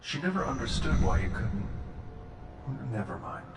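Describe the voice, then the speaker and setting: A man's voice: fairly low pitch, sing-song, normal speed, very noisy. An actor playing a cryptic, dismissive man from a memory in a horror video game. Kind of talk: scripted horror game dialogue. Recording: echoey and far, under loud music.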